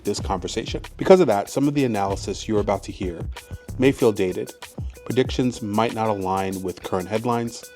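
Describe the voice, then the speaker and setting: A man's voice: fairly low pitch, a little mellow. A man hosting a history podcast, reading a scripted intro, then asking loose questions with fillers. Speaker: podcast host.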